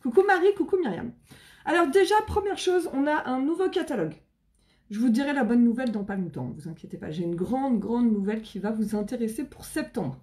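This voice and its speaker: A woman's voice: on the high side, animated, a little fast, dark tone. Bubbly French woman selling makeup live. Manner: bubbly and chatty, greets viewers by name, casual slang. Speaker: independent makeup seller. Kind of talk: live stream sales chat.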